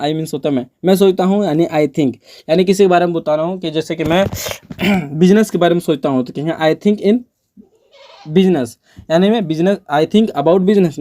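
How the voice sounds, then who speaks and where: A man teaching spoken English, speaking slowly and repeating each example sentence for learners. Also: high voice, warm tone.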